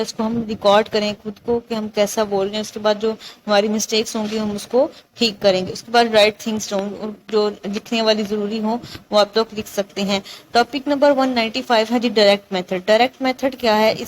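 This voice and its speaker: A woman's voice: a little high, slight background noise, low-quality recording. A woman tutor, going over exam topics in a casual lecture, often checking in with her students. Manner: repetitive, checks in with "theek hai?".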